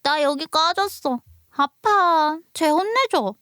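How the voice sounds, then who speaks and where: Woman doing a high whiny little girl. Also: lively intonation, takes it slowly, a bit bright, no room sound, clean studio sound, full character voice. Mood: whiny upset. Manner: whiny, upset, pleading. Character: hurt, stubborn little girl, the young narrator.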